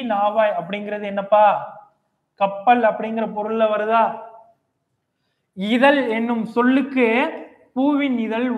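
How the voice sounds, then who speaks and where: A man teaches a grammar lesson with a high voice, questioning his students and repeating each key point. The sound is thin and phone-like. A long reverb from the lecture hall trails every phrase. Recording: echoey, tinny lo-fi hall recording.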